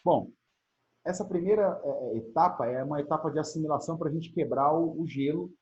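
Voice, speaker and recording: Chatty teacher on muffled lo-fi audio. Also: male voice, on the high side, brisk, slight background noise. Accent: Brazilian Portuguese. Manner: explanatory, asks and answers his own questions. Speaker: chemistry teacher. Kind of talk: recorded video lesson.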